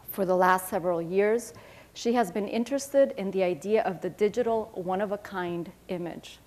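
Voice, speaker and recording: Woman reading formal artist introductions. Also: mid-range voice. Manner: steady formal reading with occasional fillers. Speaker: panel moderator.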